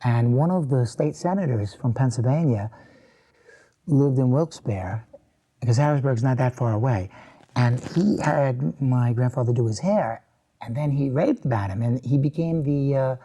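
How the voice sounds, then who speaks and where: An older man with an American accent tells his memories for an oral history interview. His voice is dark and mellow. He rambles and often stops to restart a thought. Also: medium pitch, breathy edge. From born in England, raised in the US. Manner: rambling, halting reminiscence with many restarts. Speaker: interviewee, retired teacher.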